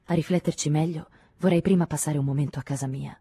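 A woman reads a weary, evasive man, curt and restrained. His husky voice sits low and dark and never gives much away. It is a dry studio audiobook reading. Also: steady tone, quick pace, dry recording.

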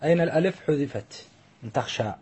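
A man's voice: a little high, animated, fast, a little mellow, husky. A man teaching a grammar lesson, explaining step by step and drawing out the example words.

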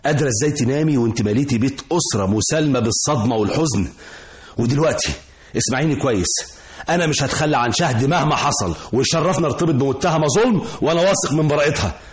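A man's voice: mid-range voice, expressive, fast talker, natural voice. An actor with an Egyptian accent playing a young man defying his mother in a radio drama, speaking in an earnest, reproachful way.

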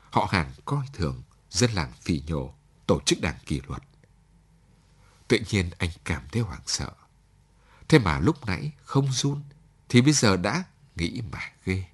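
A man narrating a story in an expressive, dramatic reading style. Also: low-pitched, slightly rough.

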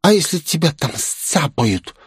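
A man's voice: fairly high pitch, big pitch swings, measured pace, slightly rough, dry recording, studio quality, pitched above the performer's own voice, exaggerated voice. A man voicing a tipsy, clingy young aristocrat girl in an audiobook, pouty and drunkenly affectionate. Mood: clingy, playful. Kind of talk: audiobook character voice.

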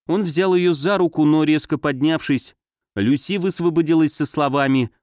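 A man's voice: a little high, normal speed, darkish tone, no room sound. Man narrating a novel, dry sound. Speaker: audiobook narrator.

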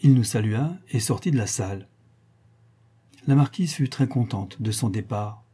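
A man reading a classic novel aloud in a measured, even narration. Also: mid-range voice, slightly rough. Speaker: audiobook reader.

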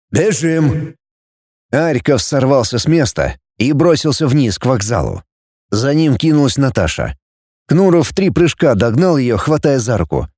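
A man reading an adventure story aloud as narrator, lifting his pitch for each character's lines. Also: a little mellow, no room sound, studio quality. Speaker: audiobook narrator. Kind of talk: scripted narration.

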